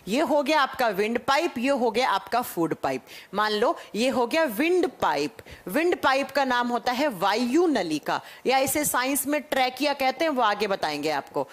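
During a live online class lecture, a woman teaches children step by step, posing questions and then answering them herself while addressing her students as children. Her fairly high voice is sing-song and moves at a normal speed.

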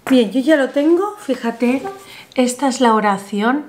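Seated at a table before a camera in a small bright room, a woman in her thirties who hosts a spiritual channel walks the viewer through a money ritual tutorial. Her high voice moves at a measured pace, soothing and instructive as she addresses the audience directly.

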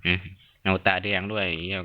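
A young man commentating his game at home, loud, excitable and crude, yelping at every surprise. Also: normal speed, dull audio. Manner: loud, excitable, crude joking with frequent yelps. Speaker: gaming YouTuber. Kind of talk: Thai let's-play commentary. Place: home room during heavy rain. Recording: rain noise clearly audible behind voice.

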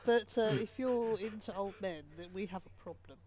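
A woman chatting on a casual group podcast call, quick and prone to exclaiming. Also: mid-range voice, a crowd in the background.

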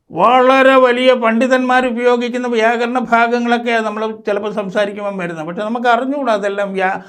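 Man, English teacher, high voice, gravelly, explanatory delivery. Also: a bit bright. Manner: explanatory, slow, listing terms one by one. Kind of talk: spoken English lesson.

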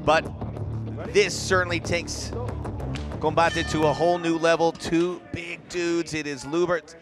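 A man's voice: on the high side, flat delivery, unhurried, over music. A man giving live sports commentary as the lead commentator at a fight.

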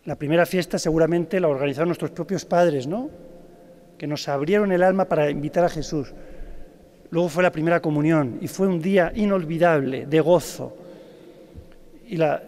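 A man preaches a Holy Week address, drawing in his listeners with questions. His voice sits fairly high for a man. A long cathedral reverb trails every phrase. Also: normal speed, a little mellow. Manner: engaging, asks the audience questions. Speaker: Holy Week proclamation speaker. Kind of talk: preaching to a congregation. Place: large cathedral.

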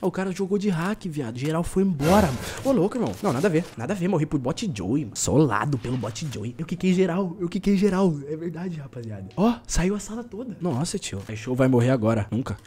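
A young man commentating his own gameplay live in quick, heavy banter with his chat. His voice is lively and jumps around in pitch. A faint hiss sits under it. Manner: slangy, excitable, joking banter with chat. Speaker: gaming streamer.

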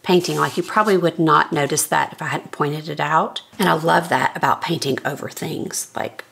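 Speaking at a moderate pace, a middle-aged artist with a deep, creaky, slightly rough and scratchy voice casually talks through her sketchbook. She flips the pages in her indoor home art studio, relaxed and thinking aloud. The overhead camera keeps her off-frame.

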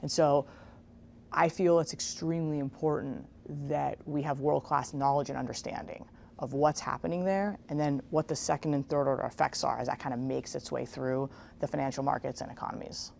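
Low, gravelly woman explaining steadily. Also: steady tone, a little mellow, slight background noise. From Israel. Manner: measured, explanatory, with casual fillers. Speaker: guest, investment executive. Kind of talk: TV interview. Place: large bright room with garden windows. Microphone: lapel mic.

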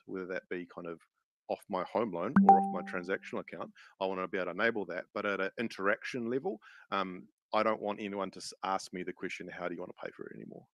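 A man's voice: sits low, no room sound. A man speaking as a panelist on a conference stage, talking casually with many fillers. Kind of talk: panel discussion.

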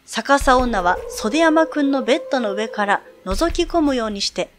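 A woman reading aloud as a male high school student who calmly tells a ghost story from a sound novel. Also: moderate pace, a little hiss or hum. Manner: calm, storytelling.

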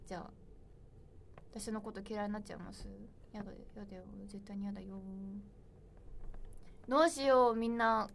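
A woman's voice: medium pitch, fairly even intonation, normal speed, gravelly, pauses often, slight background noise. A young woman in her twenties hosting a solo livestream, chatting playfully and reading viewer comments aloud. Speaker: idol livestream host. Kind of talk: casual livestream chat.

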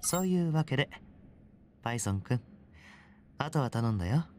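An actor playing a confident young male top gamer, smooth and politely condescending with cool menace, in a Japanese video game. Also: medium pitch, lively intonation, normal speed, slight background noise, close to an everyday voice. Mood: breezy.

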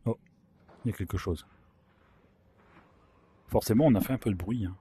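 A man with a sore throat and a worn-out, hoarse voice gives chatty, casual commentary as he plays a video game, with wry asides. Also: fairly low pitch, moderate pace, warm tone, slight background noise. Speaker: gaming video host.

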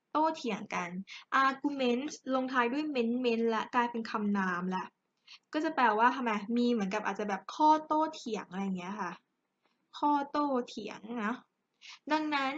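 A woman's voice: a little high, fairly bright tone, slight background noise. A young Thai woman teaching an English grammar lesson in a chatty, joking way, addressing her students directly. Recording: dull lo-fi recording.

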